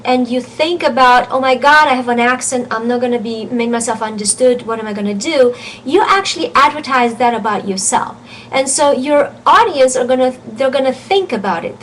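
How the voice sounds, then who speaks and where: A woman gives an online pronunciation lesson in a fairly high voice. She talks earnestly, restarts her sentences and drawls out each vowel as she shows it. A faint hiss sits behind her. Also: a bit bright, rough recording. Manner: earnest, restarts often, slows down to demonstrate vowel sounds. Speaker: French teacher.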